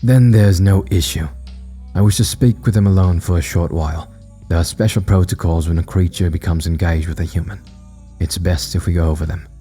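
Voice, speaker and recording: A man voicing a composed, intimidating king in a horror story reading, formal and measured. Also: low voice, fairly even intonation, mellow, faint music behind, lightly acted.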